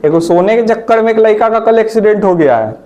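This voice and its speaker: A man's voice: high-pitched, expressive, fast talker, a little mellow, dull audio. A man teaching a live computer class, chatty and teasing, often asking his students questions back.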